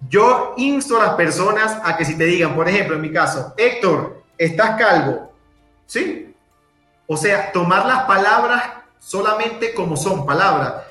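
Emphatic man with a high, bright voice. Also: expressive, normal speed, few pauses, reverberant, faint music behind. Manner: direct and emphatic, with acted examples. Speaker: guest speaker. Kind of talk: motivational talk.

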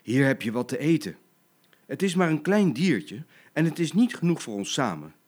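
Storybook mother lioness, fierce and domineering, forceful delivery, voiced by an old man. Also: fairly high pitch, big pitch swings, normal speed, voice pushed up. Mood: motherly. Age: older. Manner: scolding, forceful.

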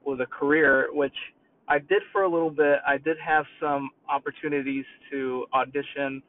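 A man's voice: a little high, fairly even intonation, normal speed. Rambling man, New York accent, tinny distant sound. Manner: rambling, self-correcting with many restarts. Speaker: YouTube creator. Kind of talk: casual personal storytelling to camera.

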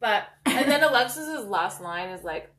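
Young woman, casual podcast co-host, chatty and rambling, slightly high voice, echoey room. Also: expressive, normal speed, fairly bright tone. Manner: chatty, uses lots of "like" and "um". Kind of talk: casual recap chat. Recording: roomy echo.

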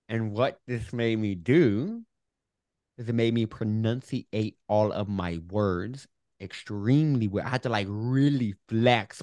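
A man's voice: fairly low pitch, a little mellow, no room sound, studio quality. Lisping man, R sometimes like W. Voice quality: lisp on S sounds; R sometimes sounds like W. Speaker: guest, public speaker. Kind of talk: conversational interview, explaining with acted-out examples.

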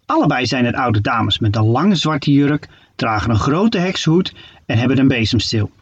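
A male storyteller reading a children's tale with a lively, playful lilt. His voice is husky and somewhat high, and it comes across dull and muffled. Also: normal speed. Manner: playful, expressive storybook narration.

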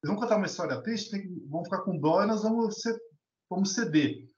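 With a high voice and quick pace, this animated São man from Brazil, a teacher and discussion participant, tells casual stories and voices opinions. He's colloquial, restarts a lot, and the audio is echoey lo-fi.

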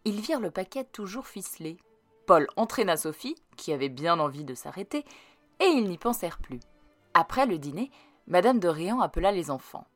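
Expressive woman reading a storybook. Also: on the low side, no room sound. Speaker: storybook reader. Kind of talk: reading a children's classic aloud.

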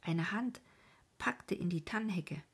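A woman's voice: lowish voice, lively intonation, slow pace, slightly rough. A woman narrating a historical novel as an audiobook, often dropping to a half-whisper.

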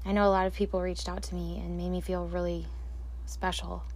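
Speaking into a desk or handheld microphone late at night, a woman delivers a solo reflective monologue as a podcast host. Her voice is lowish, gentle and soothing, her pace slow and calm, and she laughs softly at times.

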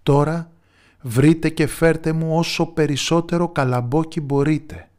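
A man voicing a wise old village woman in a storybook tale, speaking calmly and with certainty. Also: fairly high pitch, voice pushed up, natural voice. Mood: calm resolve. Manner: calm, steady, confident.

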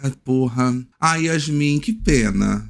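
A man's voice: mid-range voice, lively intonation, takes it slowly, vocal fry. A man co-hosting a podcast in casual chat, playful and laughing a lot. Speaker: podcast co-host.

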